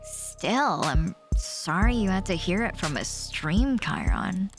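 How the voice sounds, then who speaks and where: A woman's voice: mid-range voice, animated, takes it slowly. A woman voicing a flustered, grieving young assistant who stammers and hesitates. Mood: nervous, apologetic. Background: game music.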